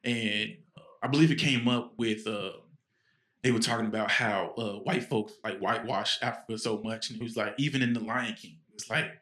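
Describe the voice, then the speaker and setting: A man's voice: lowish voice, fairly even intonation, moderate pace, a bit bright. Rambling male podcast co-host. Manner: rambling storyteller, many fillers and restarts. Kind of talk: casual podcast chat.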